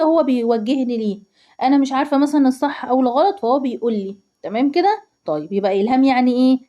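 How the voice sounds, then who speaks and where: A woman's voice: on the high side, mellow. A woman teacher with an Egyptian accent, explaining word meanings to young pupils, asking questions and answering them herself. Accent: Egyptian Arabic. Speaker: primary school Arabic teacher.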